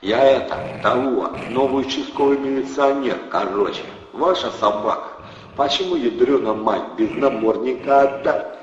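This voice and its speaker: A man voicing a loud, brash young male hustler who bellows in slang. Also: medium pitch, moderate pace, reverberant, long reverb tail, muffled recording, slight background noise, voice pushed up, close to an everyday voice. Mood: boisterous.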